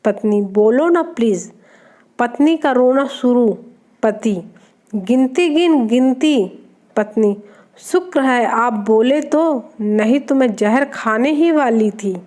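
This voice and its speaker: A woman's voice: fairly high pitch, lively intonation, slow, a little mellow. A woman reading short jokes aloud, naming each speaker before their line. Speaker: joke reader.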